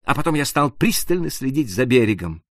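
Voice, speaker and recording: Man, audiobook narrator, dramatic measured reading, very animated pitch, dry recording. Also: no echo. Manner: measured, hushed at tense moments.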